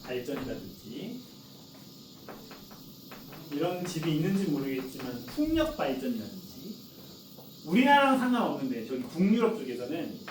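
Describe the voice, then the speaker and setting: A man's voice: fairly high pitch, wildly swooping pitch, normal speed, long pauses, a little hiss or hum. A man in his forties teaching a class in a classroom, chatty, often asking students questions and answering them himself. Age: 40s. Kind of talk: classroom lecture. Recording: echoey classroom from far off.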